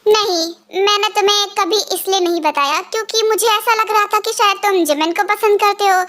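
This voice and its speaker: Young woman, shy new wife and mother, voiced by a woman in an amateur fan dub; soft, earnest, very high. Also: brisk. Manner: soft, earnest, a little worried.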